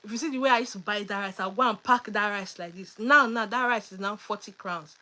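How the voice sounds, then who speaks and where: A woman's voice: mid-range voice, a little fast, pushed and bright, rough recording. A woman hosting a casual livestream Q&A, reading out viewers' questions and answering in a chatty, emphatic way with teasing asides. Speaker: livestream host.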